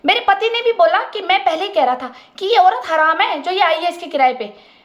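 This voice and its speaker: A woman's voice: very high voice, animated, brisk, fairly bright tone. A woman telling a personal story in a casual monologue. She is emphatic, repeats herself and piles up details. She sounds unwell.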